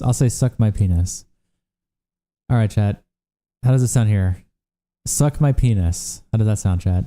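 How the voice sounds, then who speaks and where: Tired from days of streaming, this young host chats casually with viewers in a warm, fairly low-pitched voice. He curses freely while going through their comments, throwing in quick asides as chat comes in.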